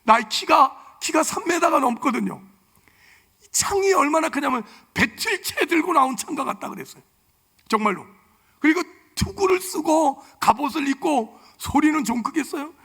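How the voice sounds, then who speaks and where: A male pastor preaching a sermon in a church sanctuary, telling stories with animated delivery and joking with the congregation. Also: extremely high pitch, normal speed, vocal fry.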